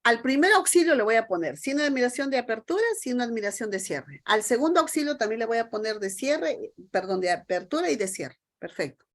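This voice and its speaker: A woman's voice: fairly high pitch, animated, brisk, hardly any pauses. A middle-aged woman, leading a lecture for teachers over a video call and often asking the group questions. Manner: emphatic, asks the group many rhetorical questions. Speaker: teacher trainer leading a session.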